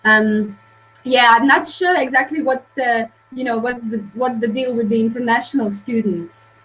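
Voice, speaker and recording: Young woman, webinar guest, halting delivery, fairly high voice. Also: a bit bright, poor audio. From Croatia. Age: young adult. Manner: hesitant, filler-heavy, many restarts. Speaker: guest speaker. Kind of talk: webinar presentation.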